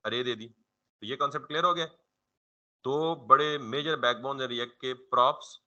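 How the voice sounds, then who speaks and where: A man's voice: medium pitch, sharp tone. A man giving a programming tutorial in a casual classroom manner, often quizzing the listener with questions and then answering them himself. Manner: informal, conversational classroom explaining. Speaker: programming instructor. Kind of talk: coding tutorial lecture.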